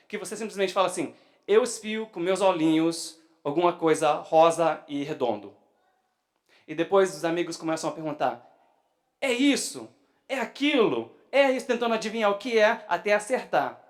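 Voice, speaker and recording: Loud excitable preaching man. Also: a little high. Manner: excitable preaching, voice rising loud when animated. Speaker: pastor. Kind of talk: sermon. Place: church.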